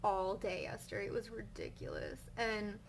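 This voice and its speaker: A woman's voice: mid-range voice, sing-song, moderate pace, creaky, a little hiss or hum, low-quality recording. Young woman venting with a migraine. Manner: rambling, filler-heavy, frustrated venting. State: suffering a migraine. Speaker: vlogger. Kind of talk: casual storytelling vlog.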